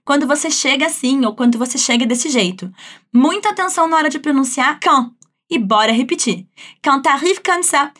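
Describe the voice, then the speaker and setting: Mulher com sotaque brasileiro conduzindo uma aula de francês em tom alegre e motivador. Voz alta e leve, fala coloquial e cheia de incentivos. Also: female voice, high voice, animated, brisk, fairly bright tone. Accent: Brazilian. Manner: upbeat, chatty, encouraging. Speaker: French teacher. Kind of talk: language lesson.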